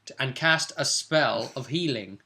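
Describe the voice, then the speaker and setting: A man with a mid-range, creaky, bright voice speaks in an animated, forceful way, if a little slowly. He's a game master casually recounting a tabletop role-playing session, telling the story in a chatty, conversational manner full of tag questions.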